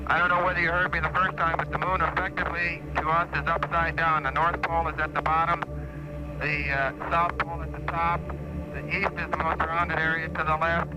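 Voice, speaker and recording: A man with a slightly raised voice comes through a crackly space radio link from a spacecraft. He speaks in halting live commentary, pausing often between phrases as he describes what he sees to mission control. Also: on the high side. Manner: halting, many filler pauses. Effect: crackly space radio transmission. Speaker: astronaut. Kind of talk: live air-to-ground commentary.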